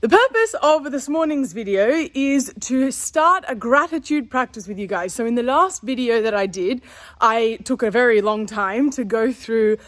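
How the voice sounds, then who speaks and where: A woman's voice: on the high side, animated, normal speed, fairly bright tone, dry recording. A woman vlogs casually, chatty and candid, with a slight lisp from wearing a dental retainer. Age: 30s. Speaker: vlogger. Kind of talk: casual chat to viewers.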